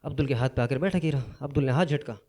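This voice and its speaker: Mellow-voiced young male stand-up comic. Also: mid-range voice, rapid-fire. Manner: casual, animated, acts out characters' lines. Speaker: stand-up comedian. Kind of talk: stand-up storytelling. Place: live comedy stage.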